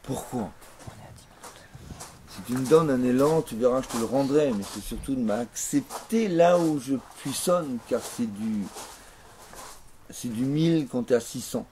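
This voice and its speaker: A man giving a grandiose, declamatory mystical monologue in an interview, slow and emphatic. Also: medium pitch, warm tone, a little hiss or hum.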